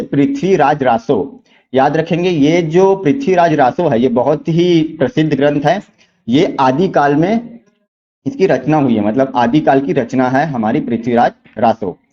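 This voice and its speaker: A man teaches a quiz lesson in a mellow, darkish voice. He poses rhetorical questions and then repeats the key answers slowly. The recording is muffled and lo-fi. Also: mid-range voice. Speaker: exam-prep teacher. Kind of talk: explaining quiz questions step by step.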